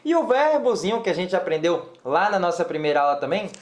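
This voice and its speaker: Lively Brazilian woman, echoey room. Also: on the low side. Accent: Brazilian Portuguese. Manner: lively, demonstrative, repeats words slowly for students. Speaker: Mandarin teacher. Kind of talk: co-taught language lesson. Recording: roomy echo.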